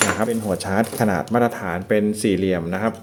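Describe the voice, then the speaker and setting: A man giving a relaxed, casual product review, explaining each feature step by step. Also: fairly low pitch, fast talker. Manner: relaxed, explains step by step with frequent polite particles.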